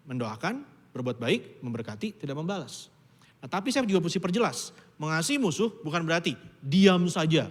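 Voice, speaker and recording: A man preaching a casual, conversational sermon to his congregation, slipping into high squeaky voices to act out quoted dialogue. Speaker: pastor. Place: church auditorium. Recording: long hall reverb.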